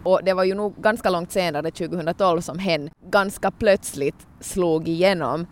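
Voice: mid-range voice, a little hiss or hum. A podcast host interviewing a guest and reading out quotes from old columns, engaged and careful in the reading.

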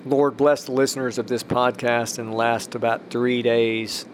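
A man's voice: mid-range voice, flat delivery, normal speed, slight background noise. Rambling man hosting a faith podcast. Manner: rambling, with restarts and emphatic rises. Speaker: podcast host.

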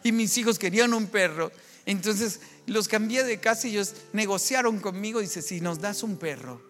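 Animated man preaching a sermon. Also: sits high, normal speed, faint music behind. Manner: animated storytelling, swings from loud excitement to hushed prayer. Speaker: pastor.

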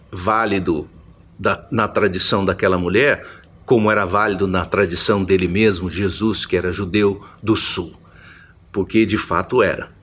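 Husky-voiced preacher. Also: male voice, deep voice, fairly bright tone. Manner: reflective, repeats and restarts phrases while explaining. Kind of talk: Bible teaching sermon.

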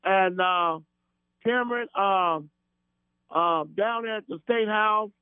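A man calling into a radio show over a phone line, talking in an earnest, folksy way with many halting fillers and restarts. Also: high-pitched, clean tone, no room sound. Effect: radio show caller on a phone line. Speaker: caller. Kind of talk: call-in chat. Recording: tinny phone line with mains hum.

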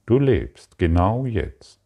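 A man giving a spoken spiritual lesson, calm and repetitive, addressing the listener directly. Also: lowish voice, slow, vocal fry, phone-quality sound. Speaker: spiritual teacher.

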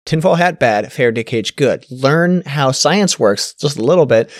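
A man's voice: mid-range voice, animated, normal speed, dry recording, studio quality. A man co-hosting a podcast, reading out news stories in a wry, casual way, swearing and restarting his sentences. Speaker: podcast co-host.

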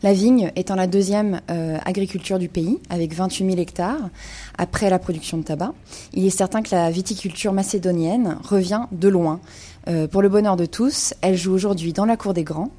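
On a radio wine segment, a woman columnist speaks on the low side, dark in tone and at a moderate pace. Her delivery is informative, broken up by frequent "euh" hesitations.

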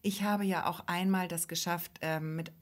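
A woman's voice: on the low side, fairly even intonation, moderate pace. A woman in her forties co-hosting a podcast, chatting casually and telling stories in a self-mocking, talkative way. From Germany. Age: 40s. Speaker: podcast co-host. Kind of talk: casual chat.

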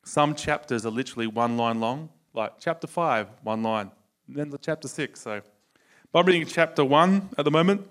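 An Australian man teaching a sermon to a live audience in a lively, conversational way, asking them questions. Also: mid-range voice, moderate pace. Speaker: preacher.

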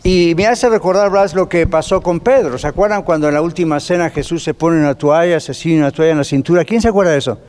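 A man teaching a Bible class as pastor, lively and conversational, putting rhetorical questions to his listeners. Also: fairly high pitch, quick pace, hardly any pauses. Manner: lively, asks the class rhetorical questions, drops in English phrases. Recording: long reverb of a church hall.

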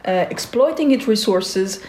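A woman in her forties from Switzerland, a guest in an interview, speaking thoughtfully with many pauses and fillers. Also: medium pitch, expressive, darkish tone, reverberant.

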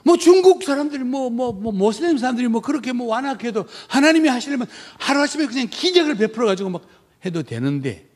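A man's voice: extremely high pitch, animated, fast talker, a little mellow. A middle-aged man who is a missionary, preaching a sermon emphatically and asking the congregation rhetorical questions.

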